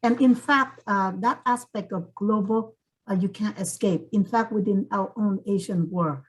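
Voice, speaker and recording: A woman's voice: medium pitch, measured pace, rough recording. Encouraging woman moderating a panel. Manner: formal and encouraging. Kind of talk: hosting a panel interview.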